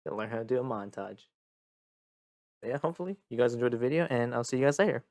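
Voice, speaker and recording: A young man hosting a casual gaming vlog, tired and a bit monotone, rambling and repeating himself as he talks. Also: mid-range voice, fast talker, dry recording. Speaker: gaming video host. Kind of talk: casual talk to camera.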